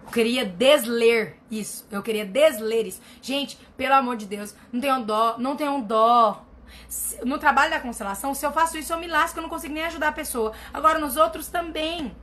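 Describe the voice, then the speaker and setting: Woman, blunt advice-giver, emphatic repeats, bright tense tone, slightly high. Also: quick pace, a little hiss or hum. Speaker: family constellation therapist answering viewer questions. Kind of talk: casual live advice reading comments.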